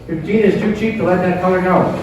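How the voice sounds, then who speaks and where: A man's voice: high voice, fairly even intonation, fast talker, a crowd in the background. A man working as an auctioneer, informally calling and repeating bids and chatting through descriptions of the lots. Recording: echoey room, distant microphone.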